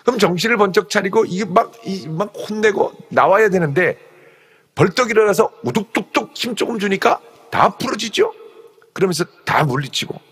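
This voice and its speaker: Animated, husky-voiced male pastor. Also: high-pitched, moderate pace. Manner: animated, playfully acts out the story. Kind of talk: early-morning sermon on scripture. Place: church sanctuary. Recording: long hall reverb.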